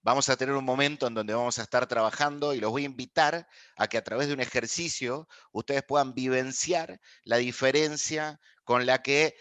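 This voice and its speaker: An Argentine man with an Argentine accent gives a courteous, measured online masterclass as a guest speaker over a video call, often pausing on filler sounds. His medium-pitched voice is smooth and a bit bright, with fairly even intonation, and the recording is dry.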